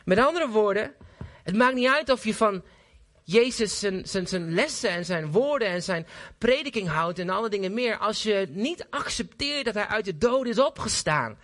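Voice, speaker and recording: A man preaching a sermon in a church service, earnest and emphatic, often pausing with fillers and restarting his sentences. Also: high-pitched, lively intonation, fairly bright tone.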